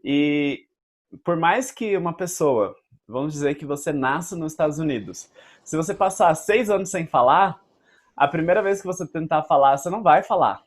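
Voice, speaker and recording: A Brazilian man with a somewhat high voice hosts a casual debate. He speaks in a measured way and builds his argument step by step with everyday examples. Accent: Brazilian Portuguese. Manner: deliberate, explains with examples. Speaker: host.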